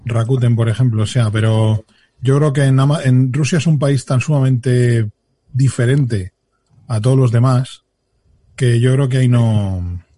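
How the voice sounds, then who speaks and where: A man's voice: medium pitch, steady tone, a little slow, dark tone, no echo. A man with a Castilian Spanish accent chatting casually and colloquially as a podcast co-host, with some mild swearing. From Spain. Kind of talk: casual group chat.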